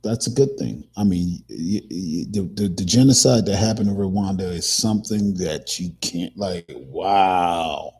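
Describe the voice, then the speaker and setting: A man's voice: sits low, unhurried, hardly any pauses, a little mellow, breathy edge. A man hosting a casual commentary talk, rambling with many restarts and fillers. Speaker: podcast host.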